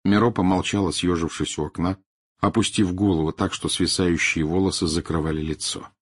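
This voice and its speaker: Deep husky male audiobook narrator. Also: fairly quick. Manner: steady, storytelling. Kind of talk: scripted narration.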